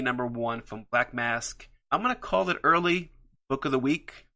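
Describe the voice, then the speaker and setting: Sharp-toned and medium-pitched, a podcast host runs through his comic book picks on his own show, excited and somewhat rambling, his speech full of fillers.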